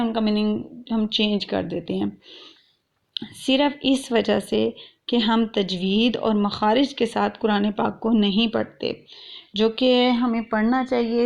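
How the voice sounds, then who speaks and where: Woman teacher for an online lesson; raised pitch with some vocal fry, patient, stretches out syllables, dull lo-fi sound. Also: a little mellow. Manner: explains patiently, drawing out letters and syllables; mixes English words into her speech. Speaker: Quran tajweed teacher.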